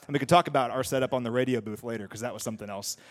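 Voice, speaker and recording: A young man co-hosting a casual sports radio chat, upbeat and quick to laugh while recapping. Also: mid-range voice. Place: studio with live audience.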